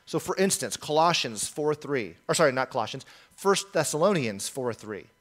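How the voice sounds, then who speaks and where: A man's voice: a little high, very animated, normal speed, fairly bright tone. A male pastor preaching a sermon in an earnest, emphatic way, often repeating key phrases.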